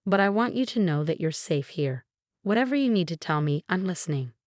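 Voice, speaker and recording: A gentle, protective hospital technician who speaks softly and reassuringly, voiced by a woman. The voice sits low and sounds close and dry. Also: expressive, fairly quick, dry recording, close to an everyday voice. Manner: soft, reassuring. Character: kind, gentle female X-ray technician, protective.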